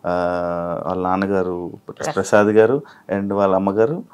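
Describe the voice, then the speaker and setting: A man hosting an interview, asking many short, lively questions. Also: sits low, moderate pace, clear, resonant tone. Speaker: interview host. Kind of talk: casual interview.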